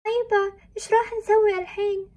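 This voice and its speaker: A woman's voice: very high-pitched, steady tone, fairly quick, darkish tone. A woman voicing a frightened young daughter in a family drama, pleading in panic. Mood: anxious.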